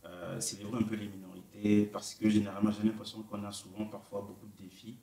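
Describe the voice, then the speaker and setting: A man's voice: lowish voice, little pitch movement, fast talker, gravelly, mellow, slight background noise. A man hosting a podcast interview, talking casually with lots of hesitations and fillers. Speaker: podcast host.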